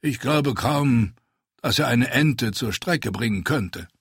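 A man voicing an older, stern ascetic who speaks in a measured, condescending way in a storybook reading. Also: lowish voice, animated, fairly bright tone, breathy edge, no room sound, studio quality. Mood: cool.

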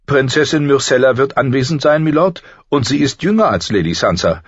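A man's voice: medium pitch, expressive, a little fast, breathy edge, no echo, pitched above the performer's own voice. A man voicing a prim, strict older governess in an audiobook, speaking precisely and insistently. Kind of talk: audiobook character voice. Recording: slightly muffled dry recording.

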